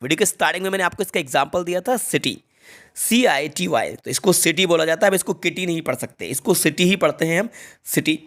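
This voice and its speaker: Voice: mid-range voice, lively intonation, quick pace, a bit bright. An English teacher giving a spelling lesson in Hindi, spelling words out letter by letter and then repeating them, with frequent direct reminders to the students.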